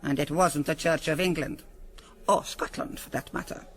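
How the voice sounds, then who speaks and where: In a radio drama, an actress plays a stern, pious Reverend Mother of a convent. Her voice is low and steady, and she admonishes and instructs with deliberate authority.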